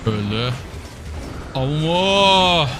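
A man's voice: a little high, drawn-out words, over music. A young man giving casual live commentary over his own gameplay, muttering to himself one moment and yelping the next. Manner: excitable, swings between mutters and yelps. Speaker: gaming YouTuber.

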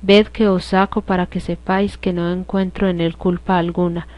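Roman governor, read by a woman, low and flat. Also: moderate pace, close to an everyday voice. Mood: questioning. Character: male Roman governor questioning a prisoner. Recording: dull lo-fi dry recording.

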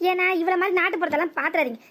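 A woman's voice: very high-pitched, racing, a bit bright. A woman voicing a smug young husband teasing his wife in a cartoon, with a southern Tamil Nadu accent. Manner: mocking, playful teasing.

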